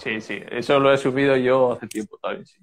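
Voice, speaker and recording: A man hosting a podcast interview, relaxed, with short replies and follow-up questions. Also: medium pitch, a little fast, slight background noise. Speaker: podcast host. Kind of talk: casual interview.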